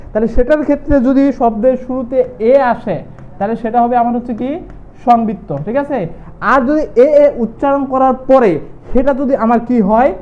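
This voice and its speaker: A man teaching a pronunciation lesson, asking rhetorical questions and answering them himself, repeating points. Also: very high voice. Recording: tinny phone-like audio, faint noise.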